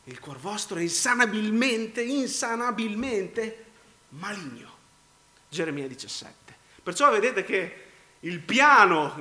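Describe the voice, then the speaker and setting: A man preaching a sermon, congested and often clearing his throat, swinging between loud emphasis and low, quiet phrases and repeating his words. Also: roomy sound.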